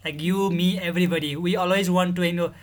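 A man from Nepal, a guest in a podcast interview who explains his work in an earnest, measured way. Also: high voice, steady tone. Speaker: guest, mental health director.

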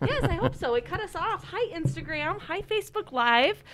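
A woman's voice: very high voice, lively intonation, moderate pace, background noise. A woman chatting casually and self-deprecatingly as co-host, muffled by a face mask, with a slight lisp. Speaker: school staff co-host. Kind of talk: casual, chatty live talk.

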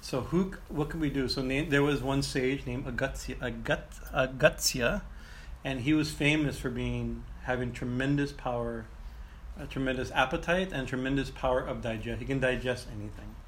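A man teaching and telling ancient myths informally, in a halting way that circles back over phrases and often checks in with "right?". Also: mid-range voice. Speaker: teacher and storyteller. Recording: clearly noisy ambient background.

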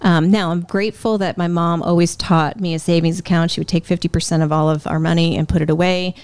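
A woman guest telling her own life story in a candid, conversational way, often with "um" and "like", acting out her past thoughts in a higher voice. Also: fairly even intonation, quick pace, darkish tone, clear, resonant tone, dry recording. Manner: frequent "um" and "like", self-interrupting. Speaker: interview guest.

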